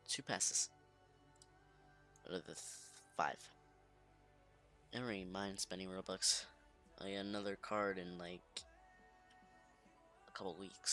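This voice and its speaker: A man hosting casual gameplay commentary at home late at night, talking quietly and half-whispering into a close microphone. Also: low-pitched. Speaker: gaming channel host. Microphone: desk microphone close to the mouth.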